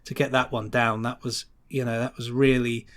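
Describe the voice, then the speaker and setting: A sound designer appears as a podcast guest, chatting with loose enthusiasm and rambling casually through his answers. His mid-range voice is level and fairly bright at a moderate pace.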